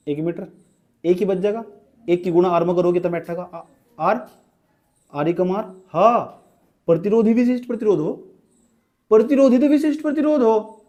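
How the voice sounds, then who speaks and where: A man's voice: sits high, warm tone. A young male physics teacher in a classroom, urging students along, repeating phrases and calling on them by name.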